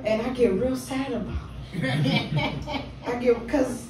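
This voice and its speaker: The featured poet speaks slowly in a slightly high voice, giving her spoken word poetry a rhythmic, emphatic delivery at a small living-room venue, with loose banter between pieces. Captured from afar, the recording has heavy echo and a faint hum.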